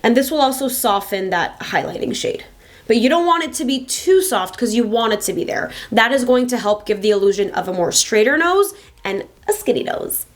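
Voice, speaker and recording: A woman's voice: fairly high pitch, very animated, fairly quick. A woman in her twenties talking casually to camera through a makeup tutorial, chatty and emphatic, repeating words for stress. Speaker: beauty vlogger. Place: small indoor home filming setup.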